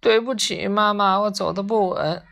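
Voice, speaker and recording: A woman's voice: mid-range voice, moderate pace, pushed and bright, pitched above the performer's own voice, close to an everyday voice. A woman voicing a brood of small, eager goslings in a storybook, chirpy and insistent.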